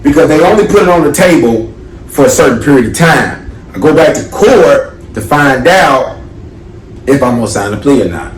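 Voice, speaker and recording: A male stand-up comedian telling animated, profane stories on a live comedy stage. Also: medium pitch, moderate pace. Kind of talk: stand-up storytelling. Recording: roomy live venue from a distance, audience.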